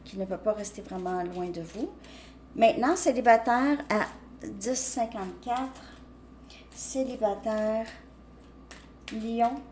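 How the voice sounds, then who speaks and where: A woman's voice: a little high, slow, pauses often, darkish tone, a little hiss or hum. Hesitant woman reading tarot. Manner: hesitant, restarts often, checks in with "ok?". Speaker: tarot reader.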